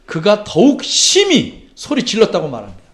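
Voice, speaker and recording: A man preaching a sermon as a pastor. He reads scripture aloud, acts out the quoted cries, and swings from loud calls to hushed asides. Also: high voice, wildly swooping pitch, moderate pace.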